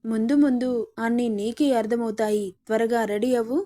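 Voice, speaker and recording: A woman's voice: fairly high pitch, fairly even intonation, normal speed, mellow, close to an everyday voice. Surya, a smug possessive kidnapper, read by a woman. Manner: sneering, coaxing. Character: possessive young male kidnapper, smug and menacing.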